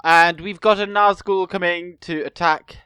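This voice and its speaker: This gaming video host is a young man congested with a cold, his nose bunged up as he casually chats through a strategy game, rambling and correcting himself often. His voice sits high and sounds sharp and clean, with a steady tone and an unhurried pace. The recording is dry.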